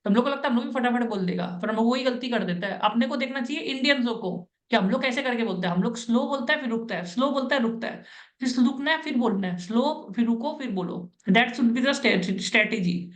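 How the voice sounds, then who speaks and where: A woman with a fairly high voice and an Indian accent coaches a job candidate in Hindi. She repeats her points over and over in a casual, instructive way and laughs often. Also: expressive, a little fast. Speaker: interview coach.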